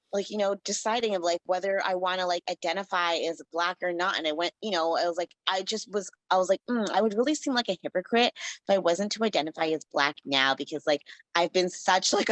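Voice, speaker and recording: A Caribbean woman writer appears as a guest in a casual interview, rambling and leaning heavily on "like" as a filler. Her voice is fairly low and a bit bright, with no echo but poor audio quality.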